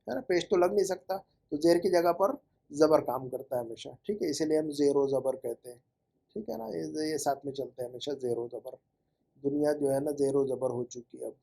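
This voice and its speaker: A man's voice: fairly high pitch, vocal fry, dark tone. Patient man correcting homework. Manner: patient, correcting and repeating forms slowly. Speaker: Arabic teacher. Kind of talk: homework review lesson.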